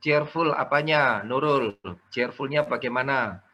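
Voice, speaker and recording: A man teaching a live online sales training, energetic and coaxing participants to type answers in the chat. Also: medium pitch, a little slow. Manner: mixes in English words.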